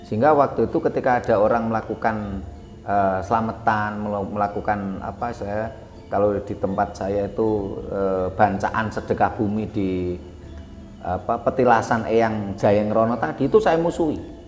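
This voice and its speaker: A man recounting his life in a relaxed, halting way, full of fillers and self-corrections. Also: fairly low pitch. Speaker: guest telling his life story. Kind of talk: casual spoken memoir. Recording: echoey room with long reverb, faint music.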